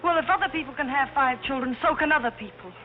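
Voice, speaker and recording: A woman's voice: on the high side, quick pace, close to an everyday voice. An actress playing a melodramatic, pouting young society girl in 1930s film screwball comedy banter. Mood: wounded, petulant. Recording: tinny 1930s film soundtrack, music behind.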